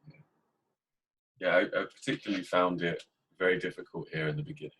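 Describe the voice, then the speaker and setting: An English man hosting a podcast, talking in a casual, reflective way and keeping a dry, even tone even when he jokes. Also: low-pitched, quick pace, vocal fry, husky, poor audio. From England. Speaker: podcast host. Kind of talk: casual conversation.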